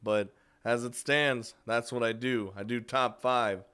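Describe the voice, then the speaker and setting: A man with a smooth, slightly bright, mid-range voice keeps a steady tone and an unhurried pace while hosting a video game review series. He gives a laid-back countdown of games, chuckling often, as music plays behind him.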